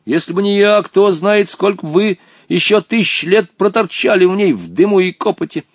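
A man's voice: high-pitched, moderate pace, no echo, clean studio sound, pitched above the performer's own voice. A man voicing an indignant, nervous young boy in an audiobook, protesting and pleading.

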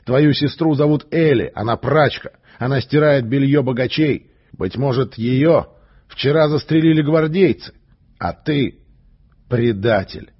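A man voicing a calm, stern and fearless male gymnast who speaks in a firm, commanding way. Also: mid-range voice, measured pace, breathy edge, dull audio.

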